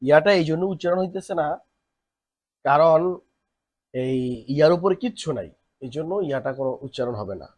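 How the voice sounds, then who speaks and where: A man teaching an online Quran reading lesson, slowly and patiently spelling out each syllable and repeating it, with a Bangladeshi Bengali accent. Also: a little high, expressive, darkish tone, no room sound.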